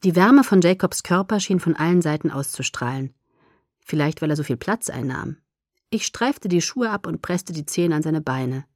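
A woman reading a novel aloud as first-person narrator, expressive and steady. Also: sits low, normal speed, dry recording, clean studio sound. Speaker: audiobook narrator.

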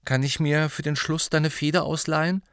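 A man's voice: a little high, steady tone, moderate pace, fairly bright tone, clean tone, dry recording, voice pushed up. Brief: a glum, complaining teenage boy, somewhat raised, read by a man, dry sound. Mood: gloomy. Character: teenage schoolboy, gloomy and grumbling.

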